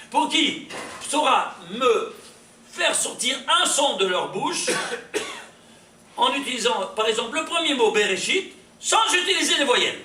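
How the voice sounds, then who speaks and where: A man teaching a lively Torah lecture, quizzing his audience and laughing often. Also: very high-pitched. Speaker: rabbi teaching. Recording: echoey room from far off, faint hiss.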